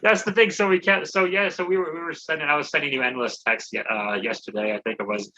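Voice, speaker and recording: A man's voice: fairly high pitch, fast, pushed and bright, dull audio, a little hiss or hum. A man co-hosting a comedy podcast, rambling and laughing through a profane story. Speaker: podcast co-host. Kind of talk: casual comedy chat.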